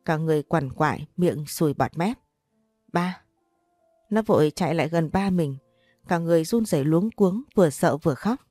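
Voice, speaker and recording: A woman reading a sad story aloud in a steady, measured way. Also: fairly low pitch, no echo, clean studio sound. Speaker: narrator. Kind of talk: scripted story narration.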